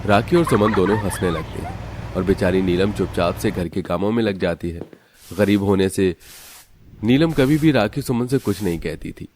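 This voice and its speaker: A man narrating a cartoon story in a steady, matter-of-fact way. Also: deep voice, normal speed, slight background noise.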